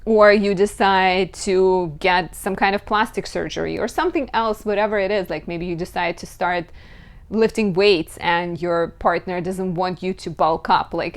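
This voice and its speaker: A woman astrologer giving a chatty, lively horoscope talk, often saying "like". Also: medium pitch.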